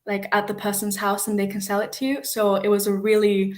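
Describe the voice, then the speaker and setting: A woman's voice: mid-range voice, completely flat delivery, a little fast, darkish tone. A young woman, a singer-songwriter, answering interview questions in a modest, easygoing way. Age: young adult. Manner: modest, easygoing, laughs lightly.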